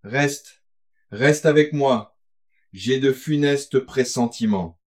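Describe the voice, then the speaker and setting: A man reading an audiobook, voicing a tearful young fiancée who begs her beloved to stay, raising his voice high and strained. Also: slow pace, a little mellow. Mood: pleading. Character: young woman, tearful fiancée full of foreboding.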